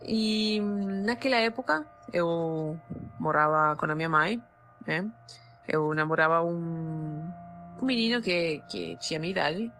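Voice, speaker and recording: A woman's voice: lowish voice, a little slow, a bit bright, a little hiss or hum. A woman in her thirties from Argentina with an Argentine Spanish accent, a Spanish speaker telling a personal story in a voice message with many hesitations. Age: 30s. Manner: hesitant, many fillers and restarts.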